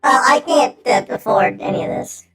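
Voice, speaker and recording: A woman's voice: fairly high pitch, expressive, normal speed, a bit bright. A woman game streamer giving casual commentary as she plays and reads game text aloud. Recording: echoey room, faint game music behind.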